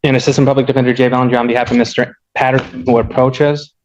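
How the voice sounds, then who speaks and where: A man's voice: medium pitch, level tone, quick pace, highs cut off, a little hiss or hum. A man working as an assistant public defender, speaking politely and formally to the bench, heard in a courtroom recording.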